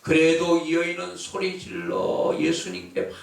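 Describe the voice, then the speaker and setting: A man preaching a sermon as pastor, calling out to the congregation and shouting out his examples. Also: sits high, big pitch swings, normal speed, creaky. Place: church or prayer house hall. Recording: echoey hall, voice from far off mic.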